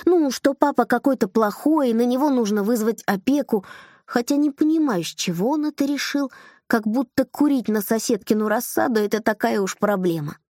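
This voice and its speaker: A woman narrating a novel in a calm storytelling voice, lightly voicing the characters' lines. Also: fairly high pitch, brisk, no room sound, studio quality. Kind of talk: audiobook reading of a novel.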